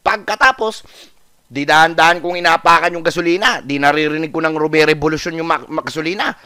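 A man's voice: a little high, fast, clean tone, no echo. A man from the Philippines telling a story in a casual vlog, acting out the dialogue and repeating lines. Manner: animated, acts out dialogue with repetition. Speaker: vlogger.

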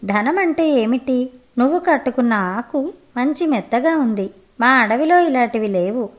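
A woman voicing a naive, rough-looking male forest hunter who asks simple, guileless questions in a storybook reading. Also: on the high side, lively intonation, measured pace. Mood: innocent.

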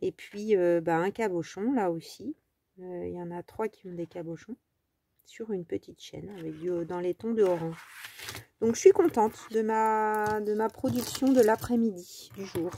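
A woman's voice: mid-range voice, normal speed, warm tone, a little hiss or hum. A French woman hosting a casual crafting tutorial, talking in a chatty, rambling way with many fillers.

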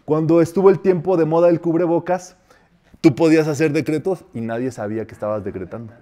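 A man leads a metaphysics class. His voice is mellow and sits somewhat high. He explains calmly and repeats short affirmations slowly and softly to demonstrate them. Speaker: metaphysics teacher. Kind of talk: spiritual class with guided decrees.

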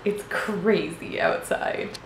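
Here a woman in her twenties vlogs from a small hotel room, her handheld camera close up, taking things slowly in a fairly low voice. She rambles, leans heavily on fillers, and giggles often. The recording carries a roomy hotel sound and a slight hiss.

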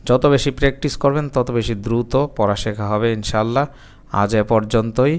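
A man teaching Quran reading, spelling out each letter and its sound slowly and patiently in a recitation lesson. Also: mid-range voice, smooth.

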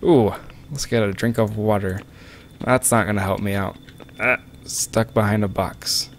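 A man's voice: fairly low pitch, steady tone, measured pace, slight background noise. A man casually commentating a game on a close microphone, joking and rambling at viewers. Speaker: let's play commentator. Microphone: close desk microphone.

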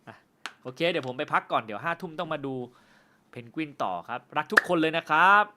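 A man hosting a film review channel, chatting casually with viewers on a live stream. He jokes, swears freely, and says he stumbles and stutters when he talks fast. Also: on the high side, lively intonation, noisy background. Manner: loose and joking, with frequent swearing.

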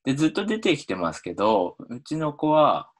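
A man lecturing on linguistics over slides, talking in an animated way with many hesitations, fillers and restarts. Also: normal speed, slightly rough. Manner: animated, pitch swinging up and down. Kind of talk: explaining phonology over slides.

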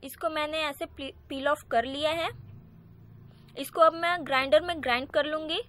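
Woman, vlog host, high chatty tutorial voice-over. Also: steady tone, normal speed, a bit bright. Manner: chatty, repeats "so guys". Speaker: beauty channel host.

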